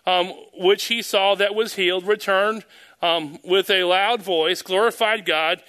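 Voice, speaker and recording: A man's voice: high-pitched, steady tone, a little slow, bright, forceful tone. A man leading a church service as pastor, speaking at a pulpit microphone, praying fervently and preaching, and often repeating words and hesitating with ums. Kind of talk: fervent prayer and sermon.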